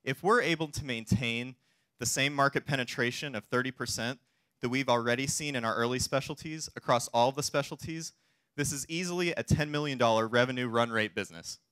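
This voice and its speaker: Male, thirties, confident startup pitch, polished stage delivery, mid-pitched and crisp-edged bright tone. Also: a little fast, no echo. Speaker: startup chief executive pitching investors. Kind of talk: rehearsed investor pitch. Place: theater stage, indoors.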